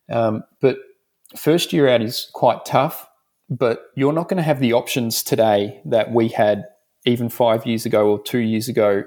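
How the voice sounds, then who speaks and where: An Australian man talks as a guest in a relaxed interview. His voice sits at a middle pitch, and he tells his stories frankly, piling up restarts as he goes. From Melbourne, Australia. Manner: frank, rambling storytelling. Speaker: dentist guest. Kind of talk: casual interview chat.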